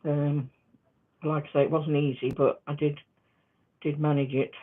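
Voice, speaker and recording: A woman chatting casually in a quilting vlog, rambling and halting with many restarts. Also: low voice, flat delivery. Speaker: quilting vlogger. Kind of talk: casual crafting vlog chat. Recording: tinny phone-like sound.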